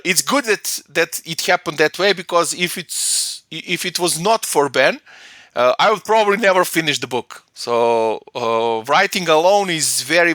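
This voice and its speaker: Bright-voiced man, dry close mic. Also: on the high side, no echo. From Serbia. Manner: hesitant, many fillers and restarts. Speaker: guest, data platform consultant. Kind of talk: conversational interview.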